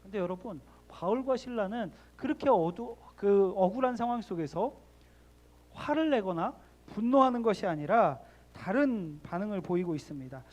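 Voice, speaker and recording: A man's voice: sits high, animated, moderate pace, darkish tone, highs cut off. A man giving a sermon to middle schoolers in a church, asking the young listeners direct questions and leading them in reading scripture aloud. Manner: leads the group in reading scripture. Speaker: youth pastor. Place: church sanctuary.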